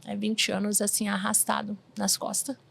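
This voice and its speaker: A woman's voice: mid-range voice, normal speed, vocal fry, husky. A woman in her forties, a medium from Brazil, telling her life story in a casual interview and acting out the voices she quotes. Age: 40s. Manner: animated storyteller who acts out quoted voices.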